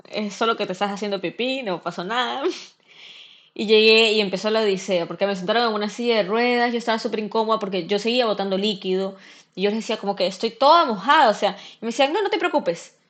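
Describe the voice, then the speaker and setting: A young woman, a podcast guest and first-time mother, telling a story in a casual, lively way and acting out what other people said. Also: mid-range voice. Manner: lively, acts out the dialogue of others.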